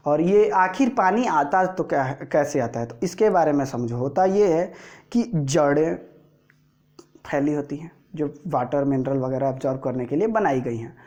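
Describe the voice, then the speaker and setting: A male teacher with an Indian accent, giving a slow board lesson to school students and checking often that they follow. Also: on the high side, darkish tone. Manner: explains slowly, drawing as he speaks, keeps checking understanding.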